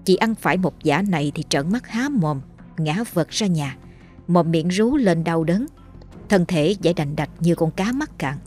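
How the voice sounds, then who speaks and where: A woman narrates a horror story in a steady, even way. Her voice sits on the low side, with faint music running underneath. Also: unhurried.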